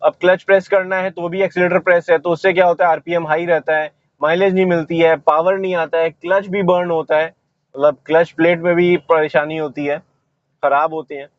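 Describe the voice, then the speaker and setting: High-voiced man teaching driving from the car. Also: flat delivery, fairly quick, no echo, highs cut off. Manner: explanatory, repeats "ye dekhiye" while demonstrating. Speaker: driving instructor. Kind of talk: instructional commentary while driving. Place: inside a car while driving.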